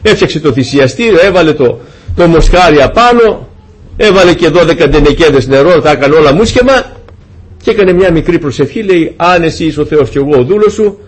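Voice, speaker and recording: A man with a somewhat high, slightly rough voice preaches a sermon, retelling a scripture story in a lively, humorous way and acting out the dialogue.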